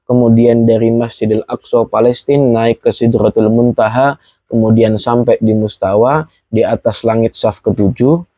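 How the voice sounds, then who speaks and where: A man's voice: mid-range voice, warm tone, no room sound. A man with an Indonesian accent preaching a sermon to a women's gathering, with rhythmic, declamatory repetition.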